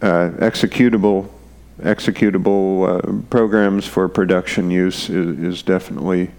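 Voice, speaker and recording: A man with a very deep voice and a gravelly, fry-laden texture, answering interview questions. He talks hesitantly, restarting phrases and filling pauses with "um" as he works through technical ideas. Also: fairly even intonation, a little mellow. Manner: hesitant, many fillers and restarts. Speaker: guest programmer and conference speaker. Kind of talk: unscripted technical explanation.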